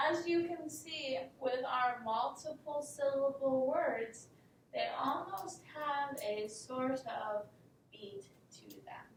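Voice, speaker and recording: Woman teacher, high voice, slow patient delivery; very echoey room, mic at a distance. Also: a bit bright, a little hiss or hum. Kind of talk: mock classroom lesson.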